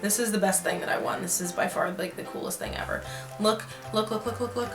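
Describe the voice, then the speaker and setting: A woman's voice: medium pitch, fairly even intonation, brisk, over music. A young woman vlogging from her apartment in a casual, rambling chat, full of fillers and restarts. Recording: roomy echo.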